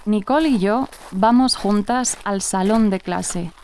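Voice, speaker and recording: A woman's voice: mid-range voice, darkish tone, slight background noise. A woman in her twenties from Spain with a Spanish-from-Spain accent, narrating a scripted learner story as a new teacher. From Spain (Galicia). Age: 20s. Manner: slow, clear, carefully spoken.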